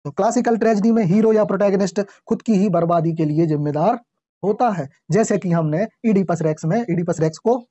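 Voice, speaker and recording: A man teaching a class in a mellow, dark tone, reading English lines slowly before explaining them in Hindi. He quizzes his students with repeated questions and often clears his throat. The dry, dull lo-fi recording has no room echo. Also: high-pitched. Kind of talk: classroom lecture.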